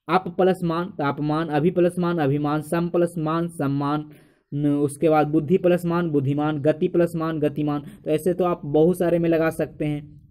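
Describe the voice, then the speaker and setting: A man's voice: a little high, darkish tone. A man teaching a school poetry lesson, asking questions and answering them himself, calling the viewers his friends. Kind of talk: explaining a school poem lesson.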